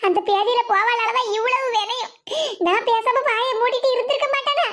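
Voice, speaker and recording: A woman doing a shrill wailing old grandmother. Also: steady tone, a little fast, fairly bright tone. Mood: lamenting. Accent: Kanyakumari Tamil. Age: over 70 (figure). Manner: lamenting, self-blaming. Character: grieving old village grandmother, fretful. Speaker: cartoon voice. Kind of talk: animated comedy voice acting.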